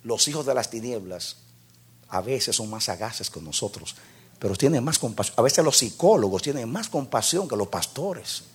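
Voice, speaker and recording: A male pastor preaching an impassioned sermon that rises to shouted peaks. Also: medium pitch, sing-song, normal speed, husky.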